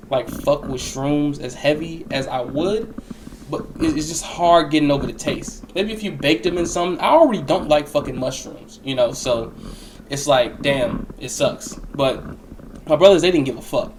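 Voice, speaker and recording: Slangy young man, higher-pitched, noisy recording. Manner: rambling, slangy and profane. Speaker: storyteller recounting a personal experience. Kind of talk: casual storytime monologue.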